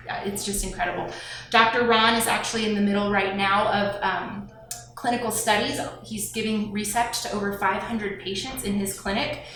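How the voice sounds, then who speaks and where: A woman's voice: mid-range voice, a bit bright. An enthusiastic woman presents an educational product talk, with plenty of ums and uhs. Her voice sits in the middle range and rings through a very echoey room. Faint noise hums underneath. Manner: enthusiastic, many fillers.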